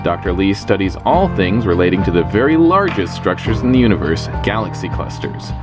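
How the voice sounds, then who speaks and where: A man hosting a podcast, reading a measured, explanatory scripted intro. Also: low voice, lively intonation. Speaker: podcast host. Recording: guitar music playing behind.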